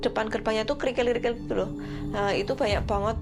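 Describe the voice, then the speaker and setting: A young woman giving a casual, halting testimony about being possessed at a camp, often repeating herself as she recalls. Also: a little high, fairly even intonation, music in the background. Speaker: interviewee recounting a camp possession.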